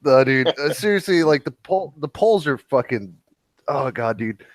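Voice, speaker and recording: A man's voice: mid-range voice, expressive, moderate pace, dry recording. A man from Germany hosting a casual podcast chat, blunt and profane, laughing often.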